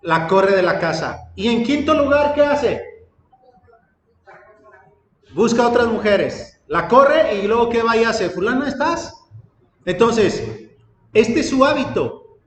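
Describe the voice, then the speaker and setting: A man's voice: very high-pitched, animated, measured pace. A man preaching a sermon, telling a story and acting out its dialogue, then building up emphatic lists. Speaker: pastor. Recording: echoey hall with ambient noise.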